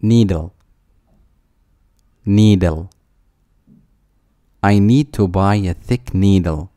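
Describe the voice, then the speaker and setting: Very slow and deliberate, a low-voiced, mellow man reads out vocabulary, giving every word twice and then using it in an example sentence. The sound is close and dry, with no room sound at all.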